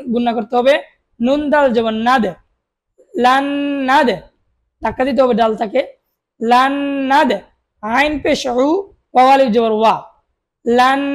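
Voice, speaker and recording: Woman, higher voice, Quran reading teacher, slow drawn-out recitation, syllable-by-syllable drills. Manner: slow, drawn-out recitation of each syllable, with short explanations of rules. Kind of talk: spelling out Arabic syllables for students to repeat.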